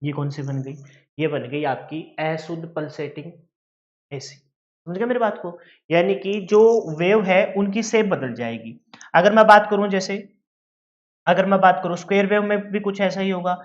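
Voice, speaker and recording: A man's voice: sits high, normal speed, dull audio. A male teacher giving a lecture, who asks questions and answers them himself and calls his students "beta". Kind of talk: classroom lecture.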